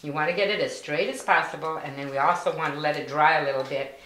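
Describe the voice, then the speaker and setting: Low-voiced lady explaining card making slowly, echoey room, bit of background hiss. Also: steady tone, a bit bright. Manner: patient, plain instructions with fillers. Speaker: volunteer instructor. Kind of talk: step-by-step craft demonstration. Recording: echoey room with faint noise.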